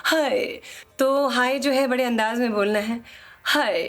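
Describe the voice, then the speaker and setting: A woman teaching a song, explaining quickly in speech and singing phrases slowly to demonstrate. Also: fairly high pitch, steady tone, faint music behind.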